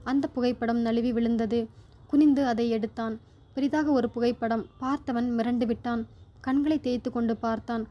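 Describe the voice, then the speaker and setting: A woman telling a story in measured, dramatic scripted narration. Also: fairly high pitch, steady tone, highs cut off.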